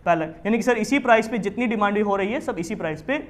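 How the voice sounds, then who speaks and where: A man teaching a commerce class, explaining with lively questions to his students. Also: high-pitched, fast talker. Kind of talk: classroom lecture in Hindi with English terms.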